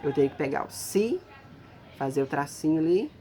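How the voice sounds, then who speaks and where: A woman's voice: sits low, lively intonation, moderate pace, dark tone. A woman teacher giving a recorded lesson, explaining patiently step by step and checking in with her students.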